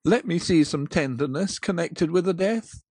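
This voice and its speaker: A woman's voice: on the low side, animated, normal speed, darkish tone, slightly rough, dry recording, clean studio sound. Woman as an anxious, pleading old man. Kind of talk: dramatised audiobook character voice.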